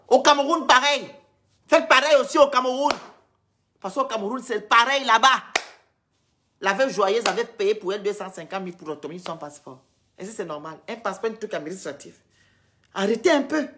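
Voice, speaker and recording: Woman ranting on her live stream, scolding and repeating herself, voice sits a bit high. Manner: scolding, repetitive, lecturing. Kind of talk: heated live-stream rant.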